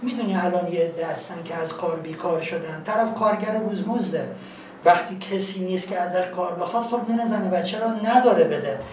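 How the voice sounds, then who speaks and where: High-voiced man telling a moral story. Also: a little hiss or hum. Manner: animated storyteller, acts out voices. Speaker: guest speaker, teacher. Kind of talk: storytelling lecture. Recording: echoey room, distant mic, faint ambience.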